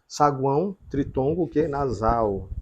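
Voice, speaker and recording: A man's voice: medium pitch, lively intonation, measured pace, breathy edge, highs cut off. A man teaching a grammar lesson at a whiteboard, explaining step by step and checking in with the viewers.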